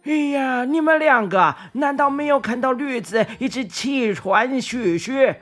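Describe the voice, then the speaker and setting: Woman playing a loud scolding old man. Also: high-pitched, expressive, measured pace, faint music behind, pitched above the performer's own voice. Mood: indignant. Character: shouting indignant old man scolding cruelty to a donkey.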